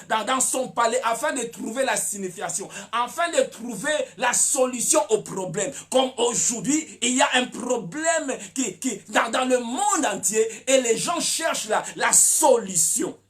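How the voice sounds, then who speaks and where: Pasteur prêcheur à la voix très animée. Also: male voice, very high voice. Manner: preaching with shouted peaks and many repeated words. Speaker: pastor. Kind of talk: sermon.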